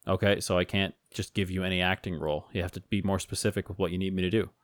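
A man hosting a podcast who asks dry, deadpan questions while playing a talent agent. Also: deep voice, fast, dry recording. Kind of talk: casual podcast banter.

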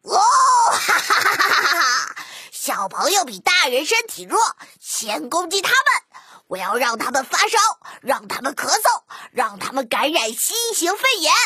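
A woman voicing a boastful male cartoon virus villain in a children's storybook audio drama, cackling and shouting. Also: very animated, moderate pace, no echo, studio quality, full character voice. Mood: gloating. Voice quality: high, cackling. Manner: shouting, bragging, stammers when thwarted.

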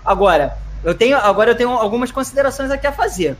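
Measured Brazilian man explaining slowly. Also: very high voice, expressive, a little hiss or hum. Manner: measured, explanatory, slow deliberate phrasing. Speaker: podcast guest commentator. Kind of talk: casual podcast chat.

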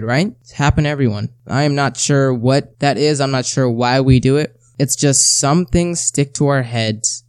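With a mid-range, darkish voice recorded dry in a clean studio, a man leads a self-help episode. He talks to the listener conversationally and directly, repeating important phrases and tossing out rhetorical questions.

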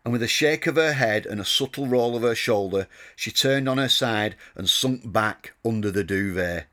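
Low-voiced man telling a wry story. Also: moderate pace, sharp tone. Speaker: narrator. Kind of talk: storytelling narration. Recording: music playing under the voice.

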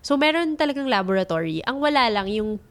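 A woman's voice: on the high side, very animated, fast. A woman with a Filipino accent, a health reporter being interviewed, explains things informally and emphatically, switching between Tagalog and English. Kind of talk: conversational explaining in mixed Tagalog and English (Taglish).

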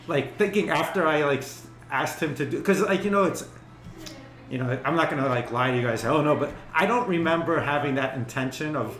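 A man's voice: on the high side, brisk, fairly bright tone. A man and clinic co-owner recalling the past in casual conversation, rambling and laughing often. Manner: rambling, many fillers and restarts, laughs often. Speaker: clinic co-owner, podcast guest. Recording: echoey room with faint ambience.

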